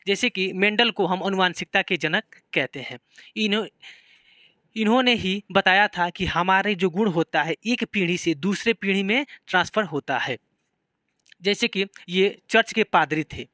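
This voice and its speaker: Man, Bihari accent, biology teacher, high bright voice, dry close sound. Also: no echo. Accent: Bihari Hindi. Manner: explains in simple terms with repeated questions to students. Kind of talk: classroom lecture.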